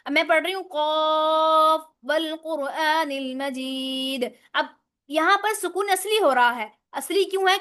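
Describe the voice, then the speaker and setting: High-voiced woman teaching Quran recitation. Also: fairly bright tone. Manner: explains step by step, often asks "right?"; recites Arabic letters slowly and drawn out. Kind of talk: online tajweed lesson.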